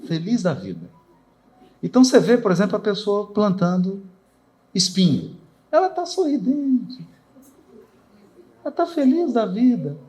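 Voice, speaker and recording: A man gives a spiritist lecture, talking in a rhetorical way and often asking his listeners questions. His voice sits fairly high for a man. Its pitch swoops up and down with a lot of life. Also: a little slow, pauses often. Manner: animated and rhetorical, asks questions and acts out quoted voices. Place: lecture hall of a spiritist center.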